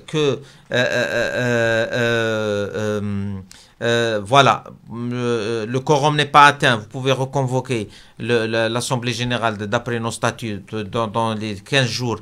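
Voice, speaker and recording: A man's voice: mid-range voice, measured pace, a bit bright, clear, resonant tone. Hesitant man full of fillers. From Algeria. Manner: hesitant, many fillers and restarts. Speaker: business leader guest. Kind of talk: debate interview.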